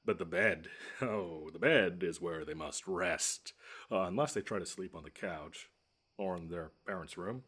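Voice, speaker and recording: Heavily acted and a bit bright, a man's husky, low voice plays a smug, grumpy monster hiding under a child's bed. Pompous and long-winded, the character drags out his threats with dry sarcasm in this scripted roleplay monologue.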